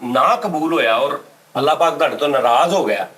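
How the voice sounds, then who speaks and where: Fast-talking Punjabi man questioning. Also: a little high, a bit bright, rough recording. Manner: probing, lecturing questions. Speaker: host interviewing fraudsters. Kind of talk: scripted comedy interview.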